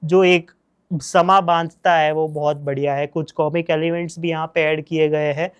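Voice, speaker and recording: A man's voice: a little high, little pitch movement, moderate pace, clean tone. Enthusiastic man reviewing a series. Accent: Gujarati. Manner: enthusiastic, repeats praise, mixes in English phrases. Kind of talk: casual review talk.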